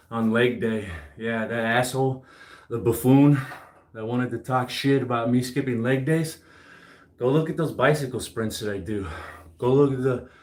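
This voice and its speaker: A man talking casually while he works out at home, cursing often and boasting bluntly. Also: mid-range voice. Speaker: fitness livestreamer. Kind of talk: casual workout chat. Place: home gym. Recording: roomy echo.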